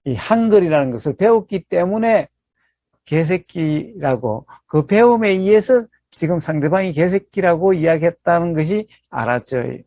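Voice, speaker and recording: A man's voice: on the high side, expressive, moderate pace, mellow, no echo. A man giving a Buddhist dharma talk as a meditation teacher. He explains step by step, poses rhetorical questions and keeps checking in with his listeners.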